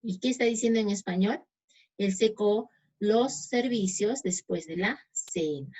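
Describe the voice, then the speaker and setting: A Spanish-speaking woman teaching English grammar, slowly reading out example sentences and often checking in with her students. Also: medium pitch, dark tone, husky. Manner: slow, reads English examples deliberately, checks in with "¿sí?". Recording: dull lo-fi sound.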